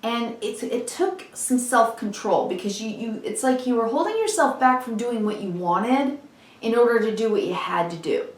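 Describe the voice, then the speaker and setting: A woman tarot reader gives an unscripted, mystical horoscope reading, speaking earnestly and reassuringly straight to the listener with a slightly froggy throat. Her voice is fairly high, expressive, and moderately paced, recorded with a roomy echo from a distant microphone.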